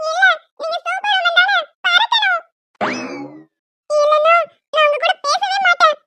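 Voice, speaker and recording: A squeaky, stubborn little cartoon girl. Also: unhurried, sharp tone, dry recording, exaggerated voice. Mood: pleading. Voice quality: squeaky and very high. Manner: whiny, insistent pleading. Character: small girl, sweet, stubborn and demanding. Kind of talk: animated cartoon voice acting.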